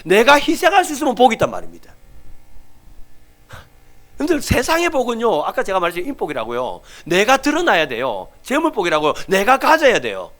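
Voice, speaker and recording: A man's voice: high-pitched, a little fast, faint music behind. A middle-aged male pastor with a Gyeongsang Korean accent preaching a sermon, telling stories with acted voices and sometimes dropping to a near whisper for emphasis. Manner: animated storytelling, acting out everyday people, dropping to near whispers for emphasis.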